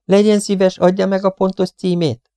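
An impatient young man speaks in short, curt phrases, as a male reader voices him. The sound is mellow and close, with a dry recording. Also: high voice, little pitch movement, clear, resonant tone, no echo, pitched above the performer's own voice.

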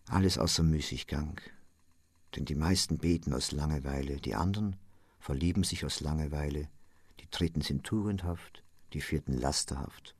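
A man's voice: sits low, no room sound, clean studio sound. A man reading as a despairing young poet. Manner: broken, halting speech sinking to a hush. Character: tormented young male poet, despairing and restless. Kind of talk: dramatic reading for radio.

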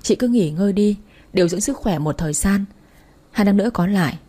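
A gentle young sister-in-law in a spoken storybook, voiced by a woman narrator. She consoles softly in a warm, husky voice. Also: mid-range voice, fairly quick, lightly acted. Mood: consoling. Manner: soothing, consoling.

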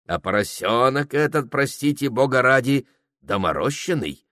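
A man's voice: medium pitch, animated, moderate pace, bright, forceful tone, no room sound, studio quality, voice pushed up. A man voicing a bloated, polite village elder with an ingratiating manner.

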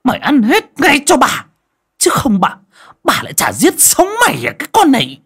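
A man voicing a cruel, abusive village woman in an audio story, with a shrill, screeching way of cursing. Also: wildly swooping pitch, brisk, husky, full character voice. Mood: furious. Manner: snarling, hurls curses.

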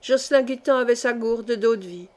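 Female audiobook reader, fairly high voice, measured dramatic delivery. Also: darkish tone. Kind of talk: scripted narration of a historical novel.

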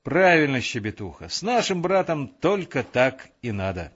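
A man's voice: medium pitch, very animated, moderate pace, a bit bright, slightly rough, dull audio, pitched above the performer's own voice. A man voicing a good-natured, mustached army sergeant who sounds amused.

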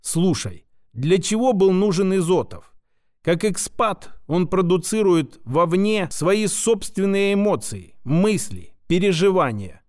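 A man's voice: sits high, expressive, slow, darkish tone. A man voicing a sarcastic, abrasive plump female scientist who mocks and lectures. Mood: lecturing. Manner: mocking, name-calling, lecturing.

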